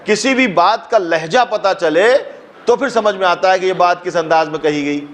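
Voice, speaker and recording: Fervent male preacher, rhetorical questions. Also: sits high. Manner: rhetorical questions, rises to a fervent recited couplet. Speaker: cleric giving a mourning sermon. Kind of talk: impassioned majlis sermon. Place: mosque gathering.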